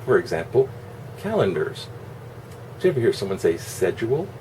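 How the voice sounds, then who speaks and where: A man's voice: fairly low pitch, big pitch swings, normal speed, darkish tone, far from the mic. A man giving a casual, opinionated monologue in a rambling, sarcastic, salty way. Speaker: online video host. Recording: constant air-conditioner hum, noisy room.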